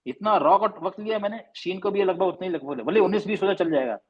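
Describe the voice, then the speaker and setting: A man teaching an online class on recitation, patiently stretching and repeating example sounds. His voice sits a little high and sounds husky. The recording is dull and lo-fi. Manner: explains patiently, demonstrates sounds slowly and repeats them. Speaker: tajweed teacher.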